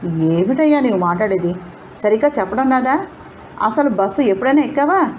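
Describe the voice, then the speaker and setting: A woman's voice: a little high, expressive, a little fast, darkish tone, a little hiss or hum, lightly acted. A woman playing a sneering young clerk. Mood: mocking. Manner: sarcastic, mocking. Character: rude, mocking young male ticket clerk.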